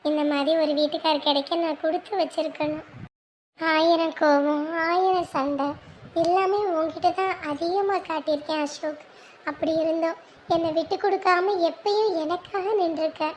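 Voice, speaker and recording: A doting young wife in a family drama, played by a woman. She speaks tenderly and adoringly in a very high voice. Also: fairly even intonation, normal speed, a little hiss or hum. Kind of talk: family web drama acting.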